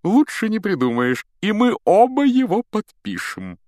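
A self-adoring, pompous wizard teacher, as a male audiobook reader plays him. He speaks in a high, grand sing-song that swoops lavishly up and down. The sound is dry and close. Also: huge pitch swings, a little slow, darkish tone, no echo, full character voice. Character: vain, pompous celebrity wizard teacher, grown man. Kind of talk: audiobook character voice.

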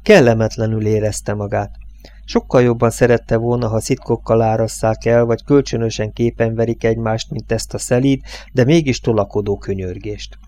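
A man narrating an audiobook in a measured, dramatic reading. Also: fairly low pitch, fairly even intonation, warm tone. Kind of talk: scripted narration.

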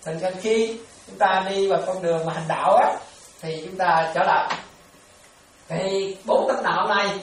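A man, a Buddhist monk, gives a patient dharma talk at an even middle pitch. He repeats key terms and keeps asking if his listeners are following. His voice comes from a distance in a very echoey room, over a faint hiss.

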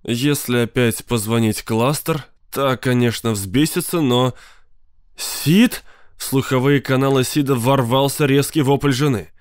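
A man reading an audiobook in measured scripted narration. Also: medium pitch, steady tone, smooth, no room sound, studio quality. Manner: measured storytelling.

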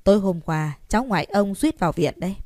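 A woman's voice: mid-range voice, fast talker, dry recording, studio quality, lightly acted. A woman voicing a cold, aloof young grandson who speaks curtly. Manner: cold, curt, flat.

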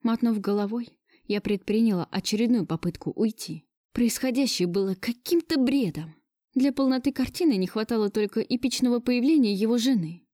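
A woman's voice: a little high, a little fast, mellow, dry recording, clean studio sound. A woman narrating a romance novel in the first person, with dramatic, emotional storytelling. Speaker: audiobook narrator.

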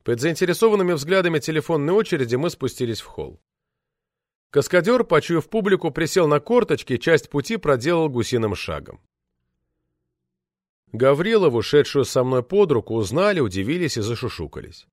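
A man narrates a novel in an expressive, measured reading. His voice sits fairly high and moves freely in pitch. The recording is dry and close to the mic. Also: no room sound. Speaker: audiobook narrator. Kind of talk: literary audiobook narration.

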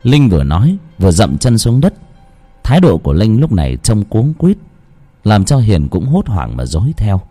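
A man's voice: fairly low pitch, wildly swooping pitch, moderate pace, warm tone, faint music behind. A man who chats casually with listeners and then reads a horror story aloud in a grave, dramatic voice. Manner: chatty and joking in the intro, grave when reading.

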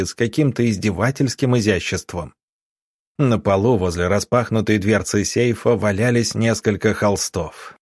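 Male audiobook narrator, husky, fairly low, dry close sound. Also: a little mellow, no room sound.

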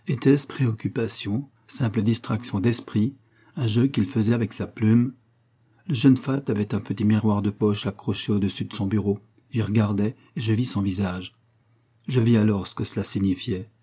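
A man reading a classic story aloud as audiobook narration, in a steady storytelling manner. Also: on the low side, slightly rough. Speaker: audiobook reader.

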